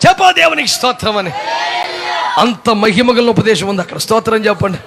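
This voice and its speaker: A pastor from India preaching a fiery sermon to a congregation, often shouting and scolding with rhetorical questions. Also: male voice, high-pitched, big pitch swings, fairly quick, creaky, a crowd in the background, noisy background. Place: church congregation.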